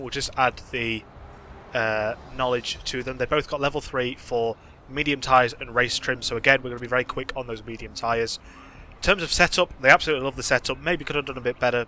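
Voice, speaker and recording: Bright-voiced young man chatting over gameplay. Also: medium pitch, a little hiss or hum. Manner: chatty, self-deprecating, thinking aloud with fillers. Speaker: gaming channel host. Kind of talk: casual game commentary.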